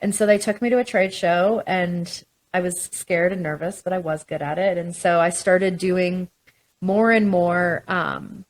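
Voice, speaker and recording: A woman's voice: lowish voice, fairly even intonation, unhurried, rough recording. A woman telling her story as a podcast guest, chatty, with frequent ums and restarts. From Canada. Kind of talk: casual interview chat.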